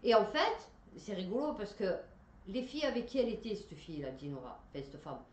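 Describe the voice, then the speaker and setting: A woman's voice: mid-range voice, sing-song, brisk, darkish tone. Chatty woman in an echoey room. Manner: chatty and rambling, many fillers, laughs while talking. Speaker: vlogger telling a personal story. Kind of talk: casual storytelling. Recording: roomy echo, faint background noise.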